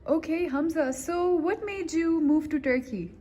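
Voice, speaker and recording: A woman student interviewing a guest, asking questions gently and encouraging him with frequent mm-hmms. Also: extremely high pitch, a little slow, a little hiss or hum.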